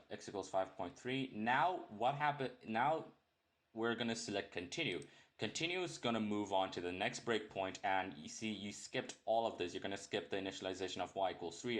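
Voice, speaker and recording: A deep-voiced young man, a native English speaker, walks through a programming lesson in a casual screen recording. He rambles, corrects himself often, and drops jokey asides as he goes.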